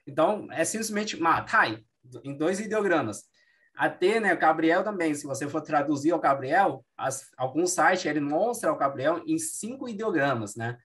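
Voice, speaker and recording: A man's voice: fairly high pitch, animated, moderate pace, a bit bright. Male teacher, patient. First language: Mandarin Chinese. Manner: explanatory, frequent "né" tags, self-corrections. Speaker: Mandarin teacher. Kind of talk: classroom explanation.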